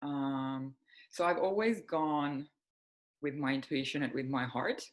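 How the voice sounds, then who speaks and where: In a casual interview, a healing coach from Finland, a native Finnish speaker in her forties, talks at a measured pace in a bass voice. The recording is rough, and her manner is reflective and open, dotted with soft fillers.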